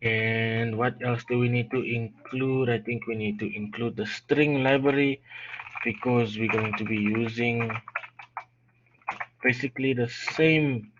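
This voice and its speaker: A man's voice: medium pitch, a little slow. A man tutoring a live coding lesson while unwell, yawning, thinking aloud as he types, stumbling and restarting. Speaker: programming tutor. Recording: dull lo-fi audio with steady noise.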